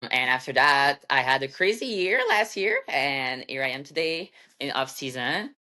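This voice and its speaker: A woman's voice: a bass voice, lively intonation, normal speed, sharp tone. A woman with a French Canadian accent, a podcast guest chatting casually and a little nervously about her bodybuilding seasons. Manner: slightly nervous, chatty with fillers. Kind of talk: casual interview chat.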